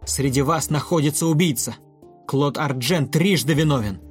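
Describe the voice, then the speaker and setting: A man voicing a furious young boy who loudly accuses a murderer. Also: on the high side, moderate pace, faint music behind, natural voice. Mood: angry accusing. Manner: loud, indignant declaiming.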